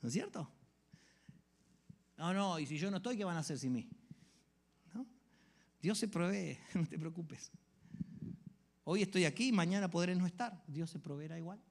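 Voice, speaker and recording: A man preaching a sermon, swinging from hushed whispers to loud exclamations. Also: high-pitched, animated, normal speed, long pauses. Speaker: pastor.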